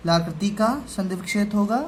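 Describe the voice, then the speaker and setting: A man teaching a grammar lesson to school students, patient and step by step, often pausing to check that they follow. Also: high-pitched, fairly even intonation, a little hiss or hum.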